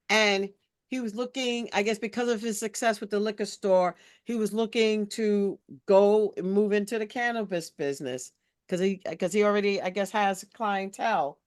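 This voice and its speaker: A woman's voice: mid-range voice, fairly even intonation, moderate pace, no room sound, clean studio sound. A woman leading a community board committee meeting over a video call, recapping matter-of-factly in a loose, conversational way.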